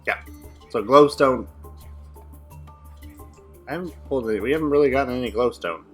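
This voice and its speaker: A young man plays a modded building game with a friend, giving casual commentary and quickly reasoning through every step aloud. His medium-pitched voice is a bit bright and slightly rough, and faint music plays behind him.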